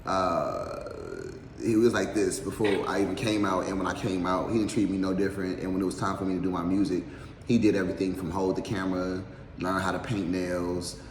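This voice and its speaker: A man's voice: deep voice, flat delivery, brisk. A man hosting a casual eating show, talking candidly in heavy slang and swearing freely. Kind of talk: casual chat and mukbang. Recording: echoey room with long reverb, faint noise.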